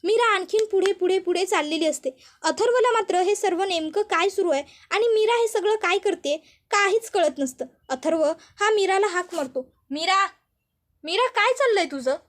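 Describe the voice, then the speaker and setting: A woman narrating a serial plot step by step, stringing events together with steady linking phrases. Her voice is very high and even. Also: moderate pace. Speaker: storyteller. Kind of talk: retelling a TV serial episode.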